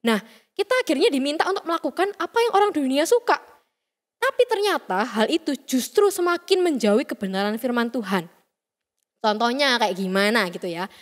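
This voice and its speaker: A woman's voice: high-pitched, animated, brisk. A young woman giving a chatty, playful youth sermon, often acting out quoted voices. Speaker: youth service speaker. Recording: reverberant hall sound.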